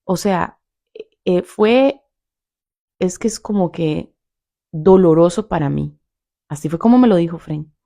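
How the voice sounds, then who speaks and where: Lively Costa Rican woman telling a story. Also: on the low side, a little slow, creaky, pauses often. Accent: Costa Rican Spanish. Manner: animated, acts out quoted lines in a raised voice, laughs often. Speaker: biblical counselor and podcast host. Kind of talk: casual storytelling to listeners.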